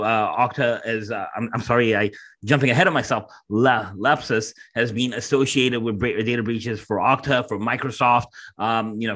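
A man hosting a podcast in casual chat, talking haltingly with many fillers and restarts. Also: mid-range voice, fairly bright tone. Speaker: podcast host.

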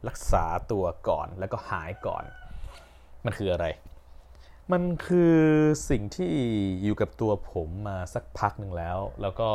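Young man, podcast host, casual storytelling, rambling, self-correcting, somewhat low voice. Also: darkish tone.

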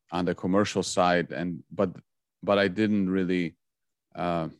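Polish-accented man with a very deep voice. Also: dry recording, clean studio sound. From Poland. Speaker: guest investor. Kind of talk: podcast interview.

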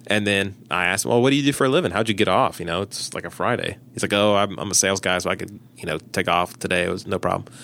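A man's voice: low voice, fast, creaky, few pauses. A man, a pastor, talking casually on a podcast and animatedly telling stories, acting out the people he quotes. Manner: animated storytelling, acts out quoted dialogue.

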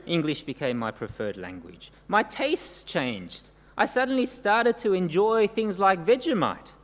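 A Korean-born, middle-aged pastor preaches an earnest sermon to his congregation at a church service, often closing points with tag questions. His voice is high and unhurried, with big pitch swings, and the recording has long church-hall reverb and faint noise.

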